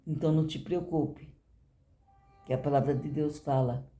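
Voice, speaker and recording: A woman's voice: deep voice, fairly even intonation, moderate pace, mellow, faint music behind. An older woman giving a personal testimony in church, talking conversationally to the congregation and often asking "you know?".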